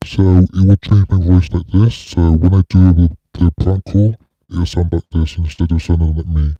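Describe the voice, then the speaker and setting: A man through a deep voice changer. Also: little pitch movement, moderate pace, mellow, no room sound, low-quality recording. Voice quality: scary, spooky low disguised voice. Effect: voice changer lowering the pitch deeply. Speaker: live streamer. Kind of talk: casual live-stream demonstration.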